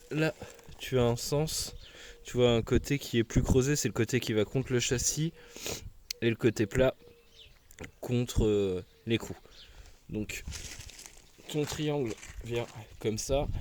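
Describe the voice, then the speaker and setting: Laid-back man walking viewers through a car repair, informal, average pitch, faint outdoor noise. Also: slow pace, pauses often, darkish tone. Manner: informal, slangy, addresses viewer as "tu". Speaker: car mechanic tutorial host. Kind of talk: casual how-to explanation.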